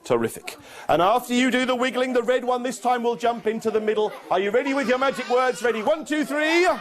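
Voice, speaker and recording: A man's voice: very high voice, quick pace. A man performing as a playful children's party magician, giving simple instructions and mock-confused patter in a live show. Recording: noisy live room with clicks.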